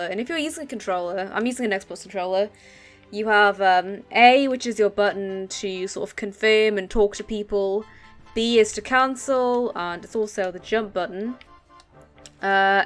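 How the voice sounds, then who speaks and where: A woman giving casual let's play commentary, explaining game controls with many ums. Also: medium pitch. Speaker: gaming channel host.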